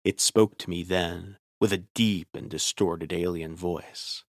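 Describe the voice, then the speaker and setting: A man's voice: low voice, steady tone, a little slow, no echo, studio quality. A man narrating a first-person horror story in a tense, scripted way.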